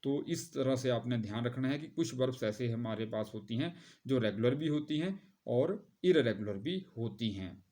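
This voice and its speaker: A male teacher giving a grammar lesson to students, speaking directly to them, spelling out word forms slowly and pausing often with hesitations. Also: medium pitch, darkish tone.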